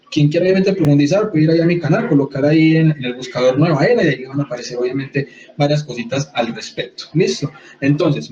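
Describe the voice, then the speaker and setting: A man with a Colombian accent teaching in an interview, animated, asking rhetorical questions. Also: a little high. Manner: animated, rhetorical questions, mock-quotes others. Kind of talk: conversational teaching. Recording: slightly muffled sound.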